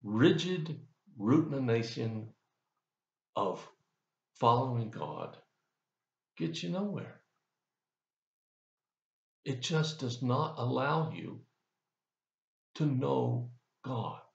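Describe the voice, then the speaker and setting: The older pastor talks very slowly at medium pitch, expressive and fry-tinged, pausing often. He's recorded by webcam in his office, seated in a leather chair, offering a folksy devotional and asking the listener questions. The sound is reverberant and muffled.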